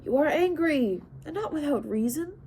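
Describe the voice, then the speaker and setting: A woman's voice: sits high, animated, a little mellow, voice pushed up. A woman doing a wry, cunning king. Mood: wry, measured. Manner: measured, wry, unhurried. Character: cunning, calm older male king and counselor.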